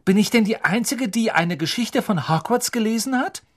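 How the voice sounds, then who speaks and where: A clever schoolgirl lays out the facts to her friends, as a man voices her, pitched well above his own voice. She speaks insistently and sounds a touch husky. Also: very animated, normal speed, a bit bright, full character voice. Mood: indignant lecturing. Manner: insistent, lecturing. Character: clever know-it-all schoolgirl, earnest.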